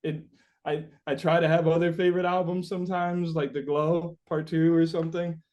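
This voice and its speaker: A musician in an interview reflects philosophically and rambles, circling back and repeating phrases as he talks. His fairly high voice shows little pitch movement, with a moderate pace and darkish tone, and the audio sounds dull.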